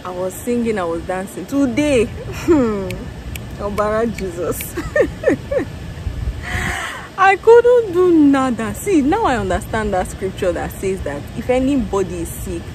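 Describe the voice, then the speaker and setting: A young woman, tired after a factory shift, telling her day in an animated casual vlog into a phone held at arm's length outdoors. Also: mid-range voice, measured pace, low-quality recording. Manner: tired, animated storytelling with laughs and exclamations. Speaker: vlogger. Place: outdoors in a parking lot beside a factory building. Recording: phone outdoors with traffic noise.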